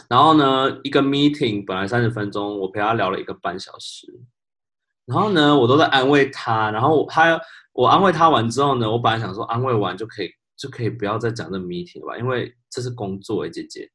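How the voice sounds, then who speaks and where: A man co-hosting a podcast, telling work stories in a casual chat. He is animated, laughs often and drops English words into his speech. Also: medium pitch, fairly quick. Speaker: podcast co-host.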